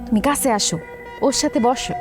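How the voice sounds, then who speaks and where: A woman's voice: high voice, animated, a little fast. A woman playing a mischievous young bride. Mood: teasing. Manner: playful, mischievous, coy. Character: teasing young new bride. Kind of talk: comedy drama acting. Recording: loud background music.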